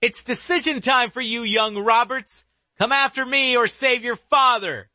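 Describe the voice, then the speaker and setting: A man's voice: very high-pitched, a little slow, sharp tone, no room sound, pitched above the performer's own voice, exaggerated voice. A man voicing a menacing male killer who taunts his victims from the darkness, his voice raised well above his own. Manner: gloating, taunting.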